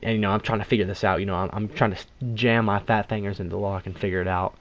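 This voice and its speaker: A man's voice: lowish voice, little pitch movement, racing. A man telling a personal story in a casual, rambling, joking way, full of fillers and asides. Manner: rambling, joking, lots of "you know" fillers.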